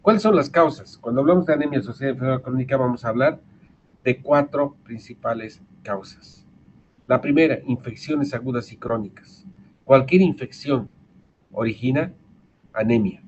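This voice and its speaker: Male lecturer, Bolivian Spanish accent, patient explanatory delivery with restarts, mid pitch, muffled lo-fi call audio with faint hiss. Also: moderate pace. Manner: explanatory, repeats and restarts words. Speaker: medical lecturer. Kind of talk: online medical lecture. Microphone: video call. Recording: dull lo-fi video call audio with faint noise.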